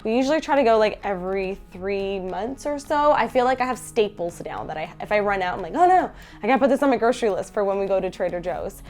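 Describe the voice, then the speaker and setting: A young Canadian woman, a food vlogger, chats casually from her bedroom about groceries in a haul video. Her mid-range, darkish voice sounds stuffy and nasal from a head cold. She talks fast and sounds animated, chatty and upbeat, with many fillers.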